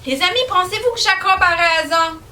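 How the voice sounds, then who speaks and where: A young woman with a Québécois accent teaching young children, asking them questions in a slow, sing-song way. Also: very high voice, pushed and bright, a little hiss or hum. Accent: Québécois French. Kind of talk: children's lesson.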